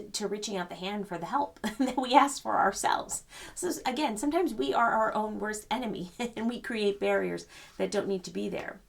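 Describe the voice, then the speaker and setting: An older woman giving a gentle, rambling spiritual card reading, full of fillers and reassurance. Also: mid-range voice, creaky. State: choked up. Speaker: psychic reader.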